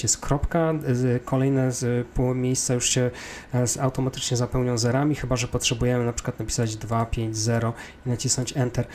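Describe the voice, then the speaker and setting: A man's voice: mid-range voice, a little mellow. Male Polish tutorial instructor, methodical step-by-step explainer, off-the-cuff delivery, faintly noisy recording. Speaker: flight simulator tutorial instructor.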